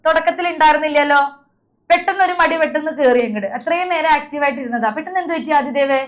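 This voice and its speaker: A woman's voice: high voice, rapid-fire. A young woman teacher leading an online class, calling on students by name and drilling letter sounds over a video call.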